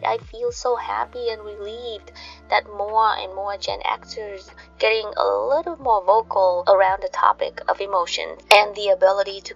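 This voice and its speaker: A woman in her thirties hosting a sleep podcast, talking to listeners in a soothing, calming sleep story narrator manner. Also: medium pitch. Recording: dull lo-fi sound, faint music behind.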